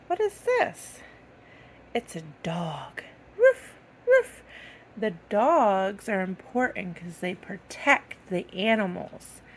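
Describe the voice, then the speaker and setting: A woman's voice: medium pitch, slight background noise. A woman presenting to small children in simple words, as if reading to a toddler, with sing-song questions and playful delivery. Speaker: presenter of a children's educational video. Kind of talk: simple talk to toddlers about toys.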